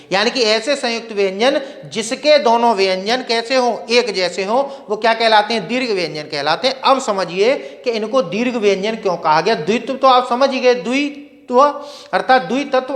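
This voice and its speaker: A man teaching Hindi grammar in a classroom lecture. He asks questions and answers them himself, and repeats words slowly to show their pronunciation. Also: high voice, a bit bright, in a large hall.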